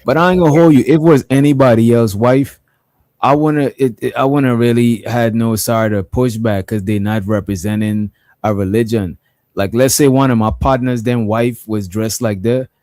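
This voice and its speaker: A man's voice: medium pitch, steady tone, moderate pace, a little mellow, dry recording. Blunt, profane man on a dry mic. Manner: blunt, profane, loose slang, frequent "you know what I mean". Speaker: pastor and podcast co-host. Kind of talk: casual podcast chat.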